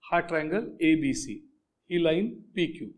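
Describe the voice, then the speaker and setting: A man explains a geometry lesson to his class. His voice sits high and he takes his time, repeating key phrases and checking that everyone is with him. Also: expressive, measured pace. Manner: switches between Marathi and English, repeats key phrases; keeps checking that students follow. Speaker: math teacher.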